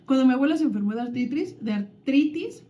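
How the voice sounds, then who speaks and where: A woman's voice: high-pitched, expressive, quick pace, warm tone. A woman co-hosting a casual chat, reading children's quotes aloud and reflecting on them, thinking aloud with many restarts. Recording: dull lo-fi sound.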